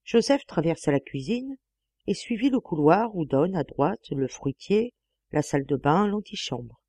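A woman narrating a classic novel as an audiobook, with a measured, expressive reading on a close mic. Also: fairly low pitch, breathy edge, dry recording. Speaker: audiobook reader.

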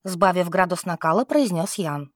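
A woman narrating an audiobook in a steady, expressive reading style. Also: on the low side, normal speed, dry recording, clean studio sound. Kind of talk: scripted narration.

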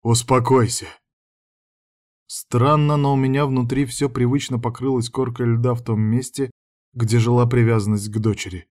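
A man narrating a first-person audiobook in an even, measured voice. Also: mid-range voice.

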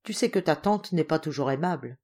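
A woman voicing a gentle, saddened widowed noblewoman who speaks tenderly to her daughter. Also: deep voice, expressive, a little fast. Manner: soft, tender, resigned.

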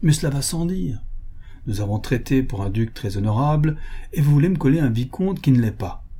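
A man's voice: medium pitch, animated, moderate pace, dark tone, breathy edge. A man reading an audiobook voices a grasping upstart financier who slips into a working-class Parisian twang. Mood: blustering. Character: pale upstart financier, grasping, blustering then fawning.

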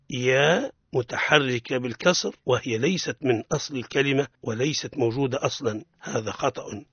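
A man's voice: mid-range voice, breathy edge, no room sound. A man teaching the rules of Quran recitation on a radio lesson, pointing out mistakes and then modelling the correct pronunciation. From Tunisia. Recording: dull lo-fi radio sound.

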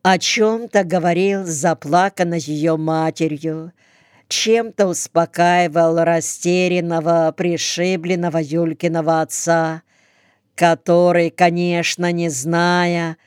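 Slow, smooth-voiced woman reading an audiobook. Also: fairly low pitch, fairly even intonation, darkish tone, no echo, clean studio sound. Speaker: audiobook reader. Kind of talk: audiobook narration of war prose.

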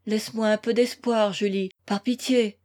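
A woman's voice: mid-range voice, fairly even intonation, normal speed, a little mellow, close to an everyday voice. A woman reading a desperate young man who passionately pleads with the girl he loves, in a storybook reading. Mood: anguished.

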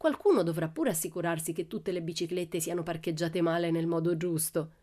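A woman's voice: on the low side, brisk, close to an everyday voice. A woman voicing a cheeky, fearless little girl who teases with mock politeness, in a radio story reading. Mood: teasing. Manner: cheerful, teasing, mock-gentle.

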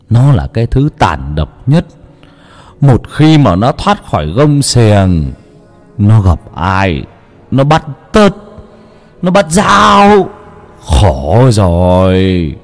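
Man putting on an old male head monk, grave and scolding, deep voice, lively pitch. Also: exaggerated voice. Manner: slow, heavy, drawn-out lamenting speech.

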